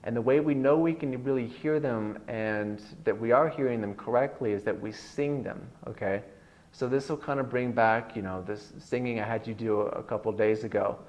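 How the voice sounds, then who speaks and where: Moderately paced and heard through dull audio, a bass-baritone man explains a guitar lesson online in an easygoing, rambling manner thick with filler words.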